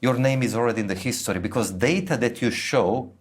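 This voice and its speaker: A man's voice: medium pitch, fast, slightly rough. A man interviewing a guest, speaking in an earnest, formal way as he praises the guest's work.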